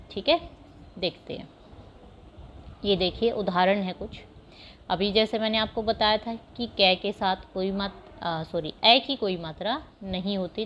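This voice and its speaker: A woman teaching young children Hindi vowel signs, patiently explaining step by step and sounding out words slowly. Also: mid-range voice, lo-fi sound, slight background noise. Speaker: primary school teacher. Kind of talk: Hindi phonics lesson over slides.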